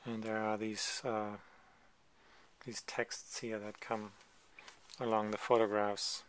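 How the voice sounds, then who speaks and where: A man casually presenting a photo book he is paging through at a table, talking in a relaxed, hesitant way with many ums and side remarks. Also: lowish voice, slow, clean tone. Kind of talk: casual show-and-tell commentary. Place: indoors at a table, filming a book from above.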